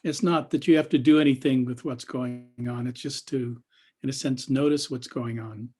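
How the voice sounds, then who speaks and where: With a husky, darkish, medium-pitched voice and a steady tone, a male teacher guides an unscripted meditation. He talks haltingly, leaving long pauses and letting his phrases trail away.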